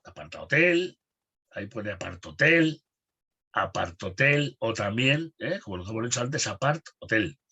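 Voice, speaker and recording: At a moderate pace and in a mid-range, husky voice, a man with a Spanish accent from Spain reads words and definitions in sequence for an exam spelling course. The audio sounds dull.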